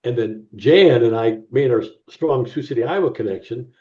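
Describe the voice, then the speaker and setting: A middle-aged actor with a mellow, mid-range voice chats casually in an interview, speaking haltingly and repeating words on the way to his point. The call audio sounds roomy, distant, and dull.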